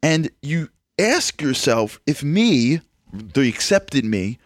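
A man hosting an interview, talking emphatically with quick restarts. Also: mid-range voice, very animated, no room sound, studio quality. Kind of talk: interview conversation.

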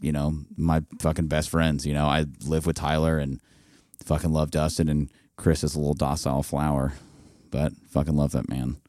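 A man chatting as a podcast guest, profane and animated when telling stories. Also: a bass voice, normal speed, dry recording, clean studio sound. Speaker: guest vocalist. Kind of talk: casual chat.

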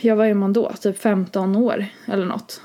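A young woman co-hosting a podcast, talking in a loose, rambling way. She tells stories casually, with lots of filler words, in an even, medium-pitched voice. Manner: rambling, many fillers like "liksom" and "typ". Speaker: podcast co-host. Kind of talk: casual chat, storytelling.

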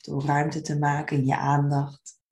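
Low, mellow woman guiding meditation softly. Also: monotone. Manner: soft, soothing, unhurried phrasing with gentle invitations. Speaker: meditation guide. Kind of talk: guided meditation.

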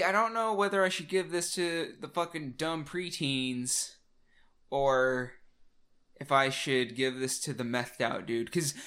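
Male podcast co-host, Oklahoma accent, bright slightly high voice, giggly and profane, loose casual delivery. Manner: laughs a lot, swears casually, restarts sentences. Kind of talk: casual comedic chat.

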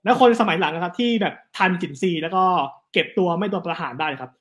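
A man, telling history stories in a casual, animated chat. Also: sits high. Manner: animated, fast storytelling with quick asides. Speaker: guest storyteller on history.

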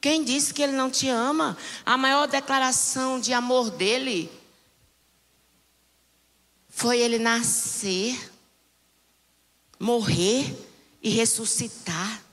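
A woman bishop delivers a fervent sermon, shouting declarations and then dropping into teasing asides to the congregation. Her voice sits high and sounds bright and sharp. It rings out in a church with a long reverb trailing behind. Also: slow pace, long pauses. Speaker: bishop preaching.

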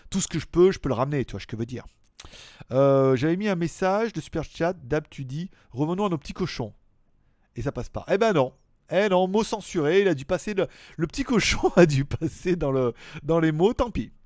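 A man's voice: a little high, a little mellow, no room sound, studio quality. A man hosting a live stream, chatting casually and joking as he greets viewers by name and answers their messages.

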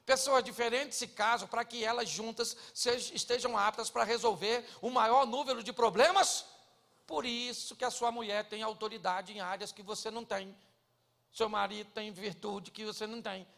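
Joking Brazilian pastor with a high gravelly voice. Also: male voice, moderate pace, a bit bright, in a large hall. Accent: Brazilian Portuguese. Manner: joking, acts out quoted people in dialogue. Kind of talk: humorous sermon.

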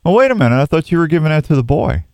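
A man's voice: on the high side, big pitch swings, very fast, darkish tone, clear, resonant tone, no room sound. Folksy male radio host, dry studio sound. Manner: folksy, joking. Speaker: radio host of a weekend outdoors show. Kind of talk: casual live sports radio chat with callers. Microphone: close studio microphone.

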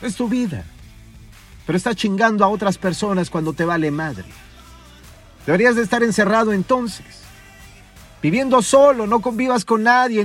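A man rants through a podcast monologue in a high-pitched voice, swearing freely and scolding his listeners. Soft music plays faintly underneath. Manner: profane, scolding, mocking. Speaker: podcast host. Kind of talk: ranting motivational monologue.

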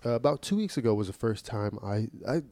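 A man co-hosting a casual talk show, telling stories in an animated, profane way with restarts. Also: mid-range voice, fairly quick, dry recording. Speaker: podcast co-host. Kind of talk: casual chat.

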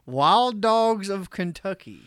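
A man co-hosting a casual podcast, talking in an easygoing, halting way with many restarts. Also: high-pitched, expressive, fairly bright tone, clear, resonant tone, no room sound, studio quality. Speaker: podcast co-host.

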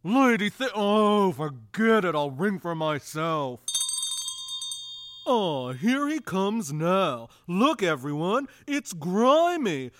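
Cartoon: a pompous, exasperated theatre director, high and showy. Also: male voice, sing-song, takes it slowly, fairly bright tone, no echo, full character voice. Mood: weary. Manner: theatrical, bossy. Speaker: stage director playing a detective.

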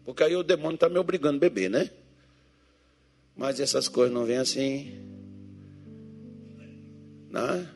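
A man's voice: mid-range voice, moderate pace, long pauses, soft background music. A man preaching a joking sermon as pastor, teasing his congregation and acting out Bible figures and churchgoers in different voices.

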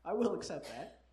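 A man with a high, warm voice hosts a live comedy quiz, joking, swearing and laughing often. He's at a comedy venue in front of an audience, and the room sounds echoey with faint noise.

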